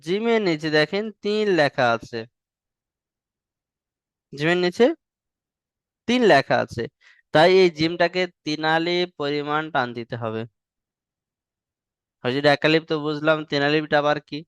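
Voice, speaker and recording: A man's voice: on the high side, a little slow, long pauses, a bit bright, clear, resonant tone, no room sound. A male teacher, patiently drilling Arabic letters in an online class and stretching the sounds long. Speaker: Quran reading teacher.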